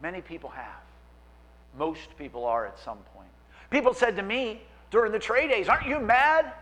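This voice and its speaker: A man preaching a sermon as pastor, animated and acting out quoted voices. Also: sits high, normal speed, poor audio.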